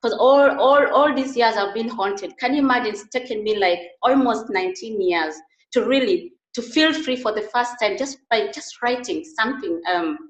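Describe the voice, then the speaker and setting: This is a conversational interview in Germany with a middle-aged Ugandan woman, a beauty and wellness therapist, who speaks earnestly and keeps restarting. Her voice is a little high and her pace moderate, with a roomy echo on the recording.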